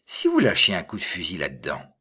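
A man's voice: deep voice, huge pitch swings, brisk, sharp tone, breathy edge, exaggerated voice. A man reading aloud and voicing a cautious village field warden who speaks respectfully to his mayor. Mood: eager. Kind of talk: audiobook reading.

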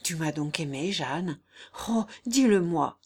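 A woman's voice: low voice, expressive, slow pace, husky, exaggerated voice. Brief: woman reading an anguished young baron, impassioned and reproachful, storybook audiobook. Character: pale, feverish young male baron, lovesick and anguished.

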